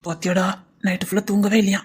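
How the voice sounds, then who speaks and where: A woman's voice: mid-range voice, level tone, fast, slightly rough. Chattering Tirunelveli woman comedian. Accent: Tirunelveli Tamil. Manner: nosy, chattering, teasing. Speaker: sketch comedian. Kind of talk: comic sketch, gossiping bus passengers.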